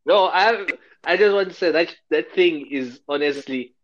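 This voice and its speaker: A man co-hosting a casual podcast chat, animated and quick to laugh. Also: fairly high pitch, muffled recording. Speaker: podcast co-host.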